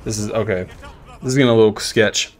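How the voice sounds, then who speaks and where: A man's voice: lowish voice, steady tone, fast talker. Profane man streaming a game. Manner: casual, profane, thinks out loud; loud frustrated outbursts at enemies. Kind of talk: live gameplay commentary.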